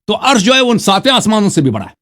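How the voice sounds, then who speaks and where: A man with a high-pitched, somewhat bright voice and huge pitch swings argues about religion. He quotes Arabic passages aloud and explains them with mockery, constantly checking "right?"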